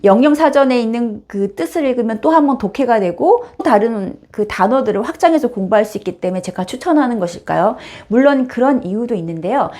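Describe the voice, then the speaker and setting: A woman giving an online English lesson, with a fairly high voice that swoops up and down. She speaks directly to her viewers and stresses her points in a teacherly way. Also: a little mellow.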